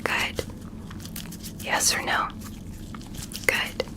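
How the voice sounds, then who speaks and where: Soothing slow-whispering woman doctor. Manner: soothing, deliberate whispered instructions. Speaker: doctor in a roleplay. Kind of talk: whispered ASMR roleplay.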